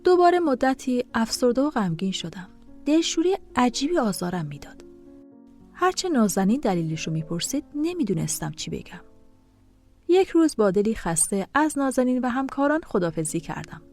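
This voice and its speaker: A woman tells a first-person story with an emotional, dramatic reading. Her voice sits fairly high and moves a lot in pitch, with soft music under it. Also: very animated. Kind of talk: scripted first-person narration.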